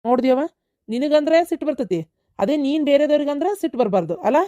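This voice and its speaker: A woman's voice: mid-range voice, fast, warm tone, dry recording, muffled recording, close to an everyday voice. A woman voicing a firm, reproachful young woman in a cartoon, with a North Karnataka Kannada accent. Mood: calming. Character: level-headed young woman scolding her mother. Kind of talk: cartoon voice acting.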